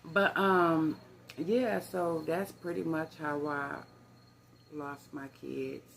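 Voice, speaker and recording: A woman's voice: sits low, fairly even intonation, slow pace, gravelly, a bit bright, a little hiss or hum. An older woman, chatting to her viewers in a rambling storytime vlog recorded on her phone. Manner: rambling, conversational, addresses viewers as y'all. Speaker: vlogger.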